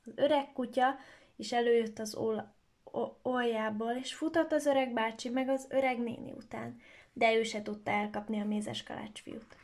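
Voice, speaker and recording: A woman telling a children's story aloud in a lively, expressive way. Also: fairly high pitch.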